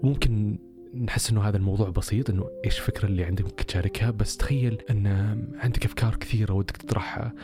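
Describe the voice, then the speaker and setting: A man's voice: on the low side, very fast, over music. A man telling a personal story casually on a podcast, with many rhetorical questions.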